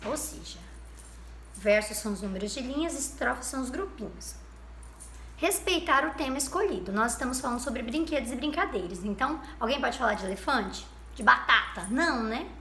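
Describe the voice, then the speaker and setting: A woman's voice: high-pitched, pushed and bright, slight background noise. A woman teacher with a Brazilian Portuguese accent gives a lesson to young children. She is patient and sing-song, stretching out syllables and praising the class. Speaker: primary school teacher. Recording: roomy echo.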